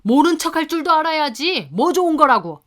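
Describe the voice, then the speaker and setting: A woman's voice: on the high side, moderate pace, natural voice. A woman voicing a flustered, defensive older father-in-law who scolds his daughter-in-law in a radio story. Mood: scolding.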